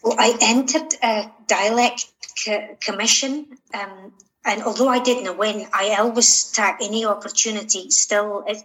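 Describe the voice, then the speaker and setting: Woman, Shetland Scottish accent, very bright voice, mid pitch, conversational, reflective interview guest. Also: steady tone, measured pace, rough recording. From Shetland, Scotland. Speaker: interview guest, writer and poet.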